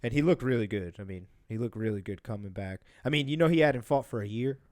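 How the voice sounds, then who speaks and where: A man's voice: mid-range voice, animated, fast, darkish tone, dry recording, clean studio sound. A young man co-hosting a podcast, chatting casually about fights in a rambling way, full of fillers and restarts. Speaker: podcast co-host.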